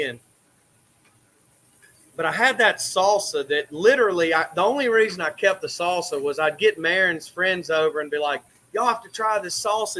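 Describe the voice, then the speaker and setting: A young man chatting casually, his voice pitched high and bright. He rambles through family stories with frequent restarts and lively asides. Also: rough recording. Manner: rambling, animated storyteller with many restarts. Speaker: coffee roaster host. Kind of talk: casual storytelling chat.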